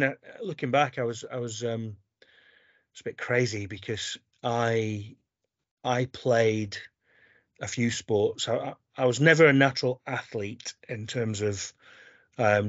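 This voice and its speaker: Low, flat-voiced man. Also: dry recording, lo-fi sound. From South Yorkshire, England. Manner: self-deprecating, many ums and restarts. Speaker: guest, sports medicine doctor. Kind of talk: casual interview chat.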